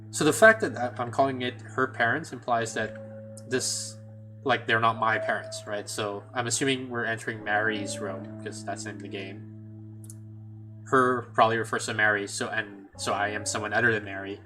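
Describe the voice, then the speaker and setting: In a rough recording with game music behind him, a man with a fairly low, steady voice gives casual let's-play commentary at a moderate pace. He chats as he thinks aloud, frequently restarting.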